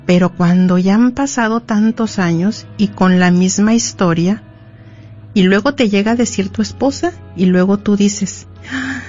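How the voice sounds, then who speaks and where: A woman's voice: mid-range voice, normal speed, dark tone. Woman giving a pastoral marriage talk. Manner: conversational, acts out little scenes. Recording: dull lo-fi sound with faint music.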